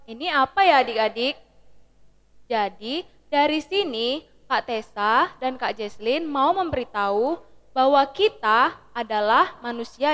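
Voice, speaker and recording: A young woman leading a Sunday school lesson for children, in an animated, coaxing, sing-song way. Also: high voice. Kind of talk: lively talk to children. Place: online church service.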